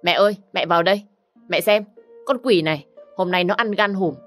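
A woman's voice: on the low side, brisk, fairly bright tone, faint music behind, close to an everyday voice. A woman voicing a spoiled, spiteful young woman who accuses and demands punishment. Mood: accusing.

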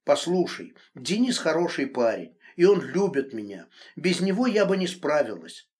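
A man voicing a calm, stubborn young woman in an audiobook, speaking quietly and steadily. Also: on the high side, moderate pace. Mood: steady. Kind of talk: audiobook reading.

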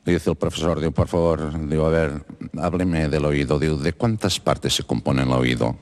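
A man's voice: extremely low pitch, fairly even intonation, moderate pace, darkish tone. A man with a Catalan accent telling jokes, acting out every part himself and mixing in Catalan words. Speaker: joke teller.

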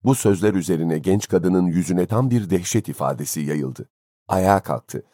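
A man reading a story aloud as an audiobook narrator, in a measured, expressive way. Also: low-pitched, no echo, studio quality. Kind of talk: scripted narration.

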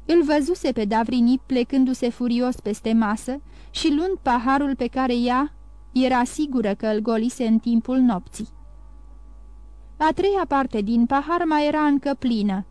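A woman narrating a classic novel as an audiobook, reading in a measured, even way. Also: high-pitched, no echo. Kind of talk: scripted narration.

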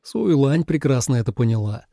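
A man narrating an audiobook with a lively, expressive reading. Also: medium pitch, normal speed, vocal fry, no room sound, studio quality.

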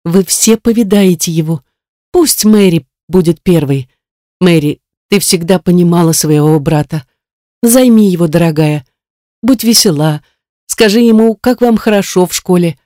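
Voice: mid-range voice, normal speed, warm tone, dry recording, clean studio sound, close to an everyday voice. A reader voicing an anxious mother, grieving over her sick son and pleading tearfully, in an audiobook. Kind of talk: audiobook character reading.

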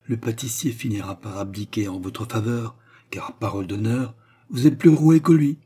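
A man voicing an eager young male rogue who admires his villainous mentor, in a husky voice. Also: on the low side, moderate pace, warm tone. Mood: admiring.

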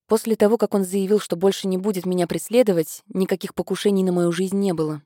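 A woman voicing an easygoing young gentleman who speaks in a casual, offhand way in a read-aloud story. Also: medium pitch, fairly even intonation, fast talker, no echo, studio quality, natural voice.

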